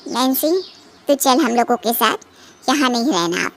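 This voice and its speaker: A woman's voice: fairly high pitch, lively intonation, moderate pace, gravelly, voice pushed down. A woman voicing a protective, outspoken middle-aged mother who talks emphatically and lectures. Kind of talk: cartoon voice acting.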